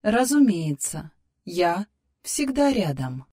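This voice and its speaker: Спокойная, точная женская помощница, которую озвучивает мужчина-чтец говорит отстранённо и по-медицински сухо. Голос поднят заметно выше обычного, мягкий и приглушённый по тембру. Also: male voice, high-pitched, sing-song, takes it slowly, mellow, pitched above the performer's own voice, exaggerated voice. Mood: clinical, composed. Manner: detached clinical wording. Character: calm precise female assistant, clinical.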